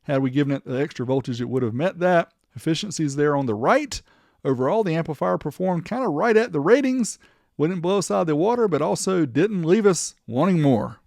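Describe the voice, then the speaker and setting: A man hosts a car audio amplifier test, explaining each step and reading out results while he demonstrates. He speaks briskly and expressively in a fairly high, slightly mellow voice, captured in a dry recording with clean studio sound.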